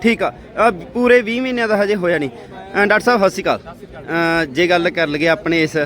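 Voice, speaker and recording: A man's voice: sits high, brisk, a bit bright. A man with a Punjabi accent hosting a casual on-the-spot vlog, chatting familiarly with farmers and commenting as he goes. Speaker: livestock show video host interviewing farmers. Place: outdoors at a livestock fair. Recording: outdoor event, crowd and street noise behind.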